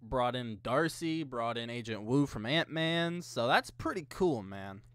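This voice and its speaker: Young dude reacting casually, swears a lot, bright punchy voice, up close and dry. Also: male voice, mid-range voice, lively intonation, unhurried, no room sound. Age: young adult. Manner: informal, sweary. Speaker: reaction video host. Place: small indoor room at a desk. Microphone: close condenser mic with pop filter.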